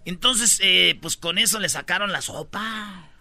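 A man with a Mexican Spanish accent hosting a comedy podcast, telling joking stories and shouting out quotes in put-on high voices. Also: unhurried, no room sound. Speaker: podcast host. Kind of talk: joking storytelling chat.

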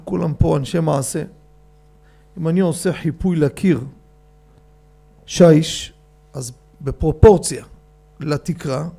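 A man giving a rabbi's storytelling sermon, animated and addressing his audience directly. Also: a little high, creaky.

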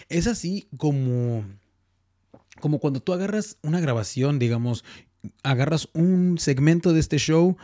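A man's voice: medium pitch, mellow. Male podcast host, casual and playful, loose rambling delivery. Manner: chatty, playful, rambling with repetitions. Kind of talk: casual trailer breakdown commentary.

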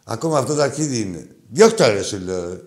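A man hosting a call-in show, joking crudely with callers, swinging between loud mocking outbursts and low mutters. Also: big pitch swings. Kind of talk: crude casual call-in banter.

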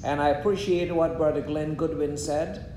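A man, preaching in short measured phrases and pausing after each one for an interpreter. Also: fairly even intonation. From Guyana. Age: 70s. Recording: echoey room with a faint rumble.

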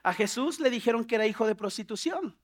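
Animated pastor preaching. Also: male voice, fast. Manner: animated, acts out prayers in a higher pleading voice, humorous asides. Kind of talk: sermon.

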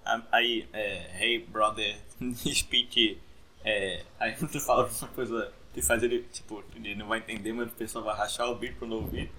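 Bright-voiced Brazilian man over faint noise. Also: on the low side, fairly even intonation, a little fast, hardly any pauses, low-quality recording. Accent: Brazilian Portuguese. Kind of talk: casual chat, slangy.

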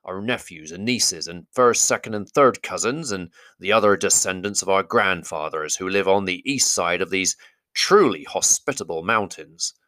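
A man's voice: deep voice, normal speed, sharp tone, no room sound, clean studio sound. A man voicing a proud male dwarf leader in an audiobook reading, speaking formally and courteously in a raised voice. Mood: stiffly polite. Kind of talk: audiobook character voice.

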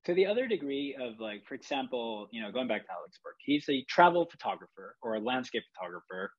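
A man's voice: mid-range voice, big pitch swings, quick pace, muffled recording. A man from Chile, a photographer, talking in a rambling, reflective way with many fillers and restarts. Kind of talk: casual podcast chat.

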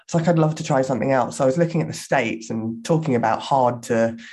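A woman's voice: extremely low pitch, quick pace, mellow. A woman in her thirties from southern England with a Home Counties accent, chatting casually as a podcast guest. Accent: southern English, Home Counties. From England, born in west London, grew up in Surrey. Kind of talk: casual chat.

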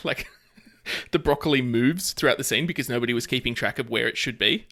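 A man's voice: mid-range voice, brisk, sharp tone. A man co-hosting a casual film podcast, playful and jokey, fond of nerdy trivia. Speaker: podcast co-host. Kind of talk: casual chat.

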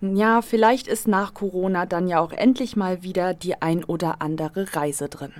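Young female radio presenter, low-pitched, dry studio sound, measured delivery. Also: no room sound. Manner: calm, measured, introduces reports. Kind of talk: radio moderation. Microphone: studio microphone.

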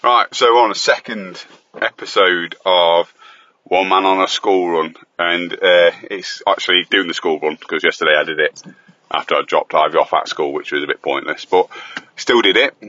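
Here the father hosting his school-run recording has a low voice with a sharp tone, speaking at normal speed as he chats, teases and jokes while driving. The phone voice recorder gives a dry, muffled sound from inside the car.

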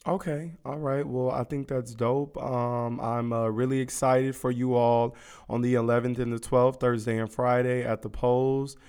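A man's voice: medium pitch, level tone, moderate pace, a little mellow, clear, resonant tone. A young American man hosting a casual interview, encouraging and slangy in the way he talks. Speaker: interviewer, campus radio host. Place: radio studio.

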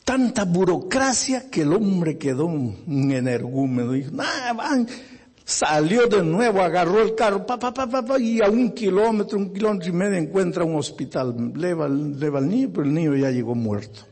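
A male preacher delivers a sermon through emphatic, dramatic storytelling. His voice is husky and sits a bit high for a man. His pitch leaps and falls all the time. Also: lively intonation, normal speed, few pauses, a little mellow.

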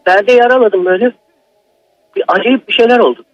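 A man's voice: high voice, brisk, no room sound, highs cut off. A man calling in to tell a personal horror story, in an agitated, emphatic manner. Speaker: caller.

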